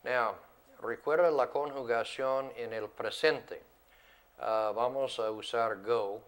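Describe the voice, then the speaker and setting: In a mid-range voice, a man works through English grammar with a class. He takes his time, says words more than once, and alternates between English and Spanish.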